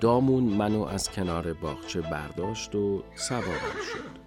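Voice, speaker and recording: A man tells a children's story slowly and expressively, like on a radio storybook. His voice sits low but swings through a wide, animated range. Soft music plays faintly behind him.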